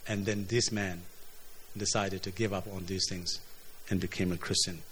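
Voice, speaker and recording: A man from preaching a sermon, earnest, often repeating words as his voice swings between emphatic highs and quiet lows. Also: steady tone, moderate pace, a little hiss or hum. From South Sudan. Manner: earnest, repeats words, rises and drops in pitch and loudness.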